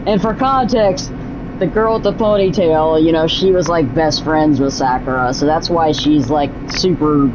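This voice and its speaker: This let's play host is a young woman with a low-pitched voice speaking at normal speed, with background noise and game music behind her. Her commentary is casual and rambling, laid-back, with frequent self-corrections.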